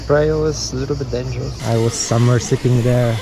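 A young man narrating his budget travel vlog outdoors, talking into a handheld camera in plain, halting phrases. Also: mid-range voice, steady tone. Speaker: travel vlogger. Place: outdoors on beaches, trails and streets. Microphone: handheld camera at arm's length. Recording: loud outdoor noise.

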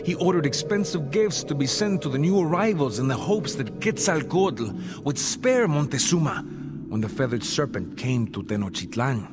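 A male actor voices a proud, grave Aztec jaguar warrior, narrating a game cutscene in a solemn, measured storytelling manner. His voice is natural, fairly high-pitched and expressive, with loud music playing behind it.

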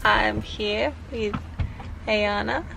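A woman's voice: mid-range voice, fairly even intonation, extremely slow, vocal fry, over music, low-quality recording. A woman hosting a casual vlog, chatting to camera inside a parked bus being converted and laughing often. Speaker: vlogger and host.

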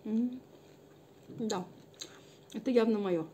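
A woman's voice: a little high, slow pace, warm tone, a little hiss or hum. A young woman vlogger chatting casually while chewing food, murmuring short asides between bites. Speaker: mukbang vlogger. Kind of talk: casual chat while eating.

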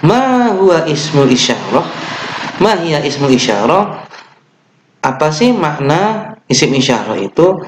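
A young male teacher with an Indonesian accent gives a children's online lesson from a webcam at his desk. He talks slowly and patiently, fixing his own slips as he goes. The small room around him is echoey. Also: a little high, big pitch swings, slight background noise. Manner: slow, patient explaining with fillers and self-corrections; chants the opening prayer.

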